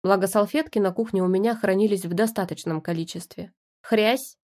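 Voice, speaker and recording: A woman reads a first-person story aloud with lively, wry delivery. Her storytelling is steady and expressive, in the manner of an audiobook narrator. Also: medium pitch, fairly quick.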